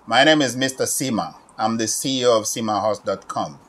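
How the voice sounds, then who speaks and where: A man in his forties from the Democratic Republic of Congo, standing in his own shop and pitching an online training straight to the camera, repeating himself and tagging lines with "okay?". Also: brisk, fairly bright tone. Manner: repetitive, urging, with frequent "okay?" tag questions. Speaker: business owner promoting online training. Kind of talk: direct-to-camera sales pitch. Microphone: camera at medium distance, standing.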